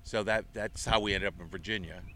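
Here the same kind of guest, a middle-aged avid golfer on a golf podcast, rambles through chatty stories in casual interview talk. His voice is low and fairly even in intonation, but brisk, pushed and bright, with a little hiss or hum on the recording.

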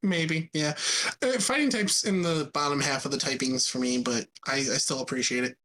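Joking podcast co-host, halting speech. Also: mid-range voice, a bit bright. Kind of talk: casual chat.

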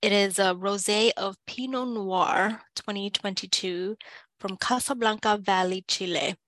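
A woman's voice: mid-range voice, fairly even intonation, measured pace, dry recording, low-quality recording. Playful, effusive woman podcast host. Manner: playful, effusive, drifts between loud and soft. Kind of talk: casual chat.

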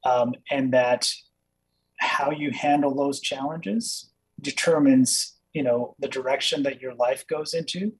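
A man's voice: mid-range voice, steady tone, unhurried, husky, rough recording. A man who grew up in Kenya, a dentist speaking as an interview guest over a video call, earnest and reflective with many fillers. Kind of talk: casual interview.

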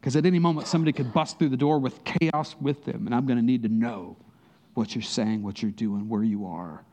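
A man preaching a sermon as pastor, talking conversationally, rising in bursts of emphasis and dropping to a soft near-whisper in prayerful moments. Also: mid-range voice, fairly quick.

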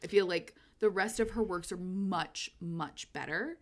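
Female podcast co-host, lower-pitched, chatty and animated, casual book talk. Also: measured pace. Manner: chatty, animated, laughs often.

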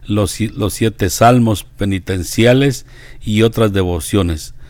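A man reading a saint's life aloud and commenting on it in a measured, devout, earnest way. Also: fairly low pitch, a little mellow, no echo. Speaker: reader leading a group discussion.

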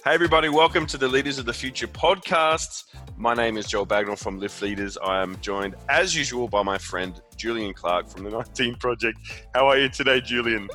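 Bright-voiced man hosting a podcast. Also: mid-range voice, soft background music. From Australia. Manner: friendly, halting with fillers and restarts. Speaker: podcast host. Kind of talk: casual podcast chat.

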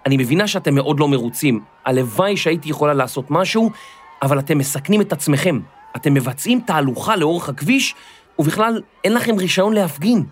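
A man voicing a gentle but firm policewoman in a children's storybook. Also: on the high side, expressive, breathy edge. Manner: gentle and apologetic yet firm.

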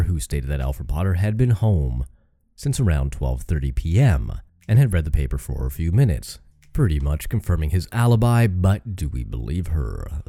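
A man's voice: low voice, mellow, no room sound, clean studio sound. A man hosting a true-crime podcast, reading out case notes in a casual way and breaking off for joking asides and the odd curse word. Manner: swears casually. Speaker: podcast host.

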